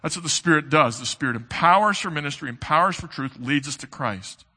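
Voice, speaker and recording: A male pastor preaching a sermon, earnest and emphatic, with pauses that build to stressed points. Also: a little high, animated, pushed and bright. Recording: long reverb of a large hall.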